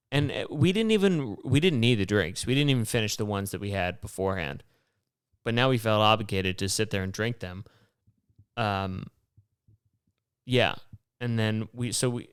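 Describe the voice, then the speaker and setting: A man's voice: medium pitch, clean tone, no room sound, clean studio sound. A man hosting his own podcast, telling a rambling, wry story with plenty of swearing. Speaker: podcast host. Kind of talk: casual solo storytelling.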